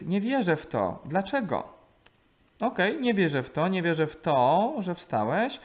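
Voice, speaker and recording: A man's voice: a little high, phone-quality sound. A man teaching English, walking through exam answers and reasoning aloud step by step as he translates each line.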